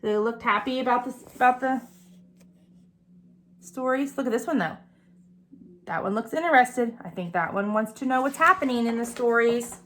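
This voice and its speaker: A woman reads a picture book aloud to preschoolers, chatting about the illustrations and asking the young listeners questions. Her voice is fairly high and bright, at a moderate pace with frequent pauses. There's a slight hiss or hum on the recording.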